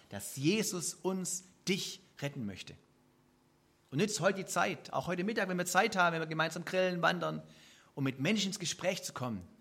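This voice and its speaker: A man preaching a sermon to a congregation in an earnest, lively way, softening his voice for quoted prayers. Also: mid-range voice, husky. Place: church service.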